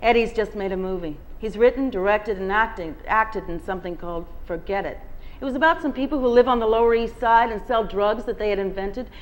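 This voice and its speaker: Reading to an audience in a bookstore, a woman brings a first-person novel to life with expressive narration. She is the guest reader, speaking at a medium pitch and a brisk pace.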